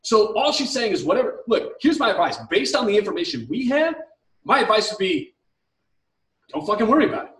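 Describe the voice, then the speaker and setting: Male advice host, swears freely and gets fired up, high and swooping voice, roomy echo. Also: sing-song, a little fast, fairly bright tone. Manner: profane, fired-up ranting. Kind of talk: live advice chat. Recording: roomy echo, a bit far from mic.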